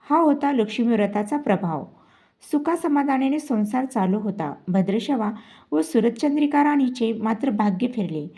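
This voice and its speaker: A woman narrating a devotional folk tale in a steady, measured recitation. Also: on the high side. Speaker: storyteller.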